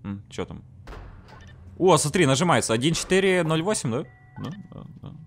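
A man's voice: a little high, sing-song, normal speed, faint music behind. A man chatting casually and jokingly in slang as he plays a horror game. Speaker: gamer. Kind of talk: casual chat while playing a horror game.

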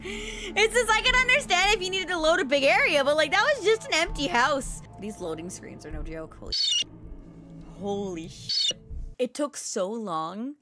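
Very high, animated woman streaming games. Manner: animated, exclaiming and squealing. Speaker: livestreamer playing a video game. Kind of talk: excitable game commentary with swearing. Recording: game music behind the voice. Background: game music and sounds.

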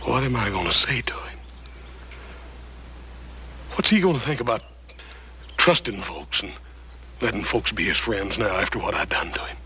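An actor in his thirties playing a big, gentle, guilt-stricken cowboy son in a TV western, with a rural Western American accent and halting, plain-spoken speech. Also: medium pitch, animated, close to an everyday voice. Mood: anguished remorse. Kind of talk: TV western drama acting. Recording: noisy old television soundtrack.

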